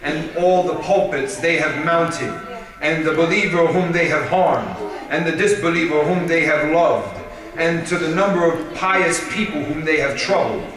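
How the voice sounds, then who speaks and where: A man giving a sermon at a religious gathering, reading aloud in a measured, steady way. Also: fairly high pitch. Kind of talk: sermon with read-aloud prayer. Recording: echoey hall, voice from far off.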